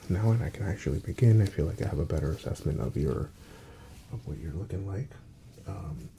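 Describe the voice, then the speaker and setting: A deep, creaky-voiced man, soft-spoken and at times whispering, gently plays a reassuring doctor in an unhurried ASMR medical exam roleplay. A little hiss or hum can be heard.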